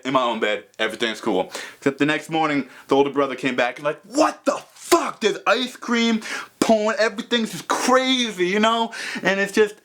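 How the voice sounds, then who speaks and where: A young male vlogger with a loud, high-sitting voice tells a comedic story, lurching between mumbled asides and loud exclamations.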